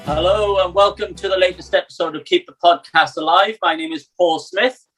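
A man's voice: sits high, moderate pace, a bit bright, slightly rough, faint music behind, low-quality recording. South Wales man hosting, matey delivery. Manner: matey, informal, encouraging. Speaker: podcast host. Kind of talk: casual podcast interview.

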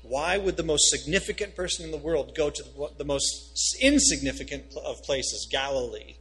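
A man, a pastor reading scripture and preaching a sermon, rising in pitch and volume on key phrases. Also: moderate pace, fairly bright tone, low-quality recording.

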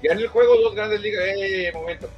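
Man, radio baseball pundit, slightly high voice, chatty and emphatic, faint music under a radio broadcast. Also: brisk, muffled recording. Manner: chatty, emphatic, tags lines with "¿eh?". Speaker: baseball commentator. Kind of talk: casual radio sports talk.

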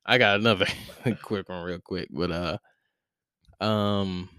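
A man's voice: deep voice, steady tone, takes it slowly, bright, forceful tone, clear, resonant tone, no echo. Young man, casual podcast storyteller, slang-heavy, dry recording. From St. Louis area. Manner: laid-back storytelling, slangy, laughs often. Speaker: podcast co-host.

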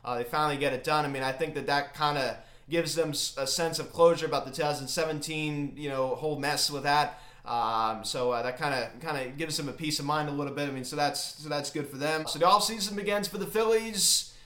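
Higher-pitched man in an echoey closet. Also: a little fast, few pauses, pushed and bright. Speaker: sports recap video host. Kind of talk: casual sports commentary. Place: empty unfurnished closet in a home. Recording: echoey small bare room.

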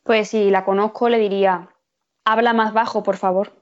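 A woman's voice: medium pitch, fairly even intonation, normal speed, lo-fi sound. A woman student answering a teacher's questions and reading example phrases aloud.

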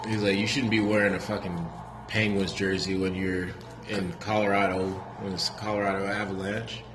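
A man's voice: deep voice, flat delivery, normal speed, noisy background. A man in casual chat with friends, swearing, laughing a lot and acting out the voices in his stories. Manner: laughs often, profane, acts out voices. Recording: echoey room with crowd behind.

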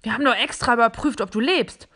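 A woman voicing a small, excitable and scatterbrained plastic toy man. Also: a little high, fast talker, pitched above the performer's own voice. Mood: excited.

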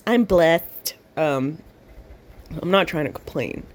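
A woman's voice: deep voice, lively intonation. A woman talking close into a handheld voice recorder for her audio diary, rambling and swearing freely. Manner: rambling, profane, slow with long pauses. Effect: handheld voice recorder held to the mouth. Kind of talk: casual spoken audio diary.

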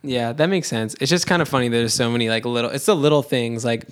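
A man's voice: medium pitch, fast talker. A young man from New Jersey co-hosting a podcast, telling stories in casual chat with frequent fillers. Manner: chatty, lots of "like", storytelling. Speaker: podcast co-host.

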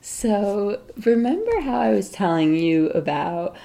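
A woman chatting casually with a friend, telling a lively story and acting out the people in it. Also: mid-range voice, a little slow, gravelly. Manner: animated storytelling, acts out kids and other adults. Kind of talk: casual phone chat.

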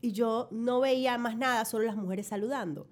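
Woman, young adult, effusive storyteller, slightly high voice. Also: moderate pace. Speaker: guest. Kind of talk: casual chat.

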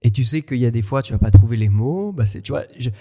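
Dark-voiced French man, halting. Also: mid-range voice, lively intonation, breathy edge, big-room sound. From France. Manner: thoughtful, halting, many restarts. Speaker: podcast co-host. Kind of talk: casual conversation.

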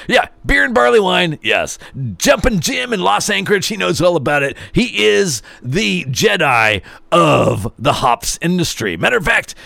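Rock radio host, middle-aged man, gravelly and bright, exuberant slangy rambling, dry close mic. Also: a little high, dry recording. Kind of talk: energetic radio show talk.

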